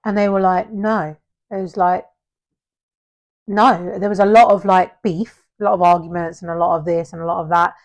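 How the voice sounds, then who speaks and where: A woman's voice: fairly low pitch, fairly even intonation, moderate pace. Earnest woman making her point. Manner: earnest and explanatory, speaks in long run-on points. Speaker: podcast co-host. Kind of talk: casual chat.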